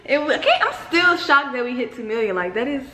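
Brief: playful female vlogger, high voice, roomy echo and noise behind. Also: very animated, quick pace. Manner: chatty and playful. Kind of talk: casual vlog chat.

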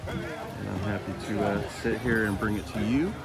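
A man's voice: lowish voice, steady tone, moderate pace, creaky. A man hosting a casual livestream outdoors, talking in a laid-back, friendly way into a phone. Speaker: livestream host. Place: outdoors on a grassy field at a gathering. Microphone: phone held by the speaker filming.

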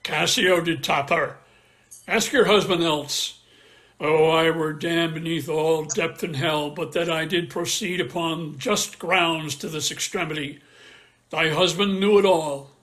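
Brief: a man reading a tormented jealous general, slow and heavy in the verse, voice sitting fairly high. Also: fairly even intonation, a bit bright. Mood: accusing. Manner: slow, weighty verse delivery. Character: jealous tormented male general, middle-aged. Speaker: reader in an online play reading. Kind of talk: dramatic Shakespeare reading. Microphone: video call.

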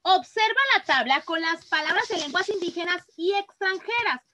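A woman's voice: extremely high pitch, animated, sharp tone, a little hiss or hum, low-quality recording. An adult woman teacher with a Mexican accent, leading a class for children and patiently reading words aloud one by one. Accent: Mexican Spanish. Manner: patient, reads words aloud slowly and clearly.

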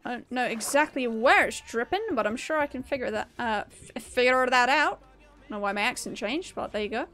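A woman's voice: a little high, fast talker, pushed and bright. Chatty upbeat young woman streamer. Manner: chatty, upbeat, laughs often, talks to chat. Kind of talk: casual live-stream chat while gaming.

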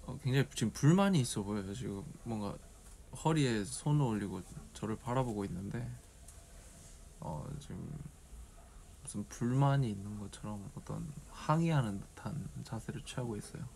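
With a lowish, expressive voice carrying vocal fry and a darkish tone, a man in his 20s speaks at normal speed on a late-night phone livestream, the camera at arm's length in a dim room. He is an idol chatting casually with viewers on his own, drowsy and rambling as he mumbles to himself in a regional Korean dialect accent. A little hiss or hum is audible.

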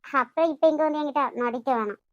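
A woman's voice: high-pitched, quick pace, no room sound, dull audio, lightly acted. A woman voicing a heartbroken young woman in a cartoon love story, bitter and pushing her lover away, with a Kanyakumari Tamil accent. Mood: cold. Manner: bitter, cold then tearful. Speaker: voice actor.

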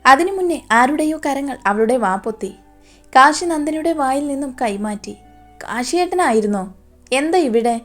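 A woman narrates a scripted romance story in a calm, even reading voice. Her pitch sits somewhat high. Faint background music runs under the narration. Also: normal speed.

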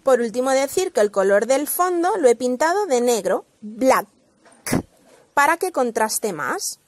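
A woman's voice: high voice, big pitch swings, measured pace, dry recording. Woman teacher from Spain, models English words then explains them, dry close recording. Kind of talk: slow pronunciation lesson.

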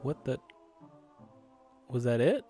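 Brief: young male let's-play co-host, mid-pitched, very animated, rambling jokey banter. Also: slow, over music. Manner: rambling, joking, laughs often. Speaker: co-host of a gaming channel. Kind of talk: casual gameplay commentary.

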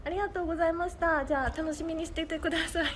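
A woman's voice: extremely high pitch, fairly even intonation, rapid-fire. Give me a giggly young Kansai-accented woman chatting on a livestream with a noisy background hiss. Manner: giggly, breaks into laughing fits. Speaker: idol livestream host. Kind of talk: casual livestream chat.

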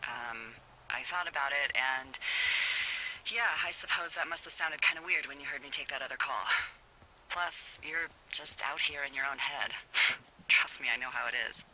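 An actress voicing a wry, teasing woman fire lookout who talks over the radio in a video game, playful and quick to laugh. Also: deep voice, bright, forceful tone, slight background noise, low-quality recording. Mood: candid.

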